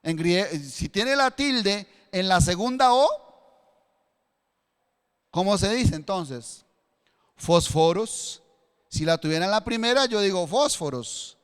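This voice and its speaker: A man's voice: sits high, lively intonation, measured pace, long pauses, fairly bright tone, smooth, big-room sound. A male pastor with a Costa Rican accent preaching a sermon, building to fervent emphasis and using a matchstick as a demonstration. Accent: Costa Rican Spanish. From Costa Rica.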